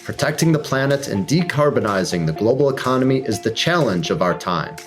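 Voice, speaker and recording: A man's voice: medium pitch, big pitch swings, fairly quick, faint music behind. A man hosting a climate podcast, reading his intro and asking interview questions in an upbeat way. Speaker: podcast host.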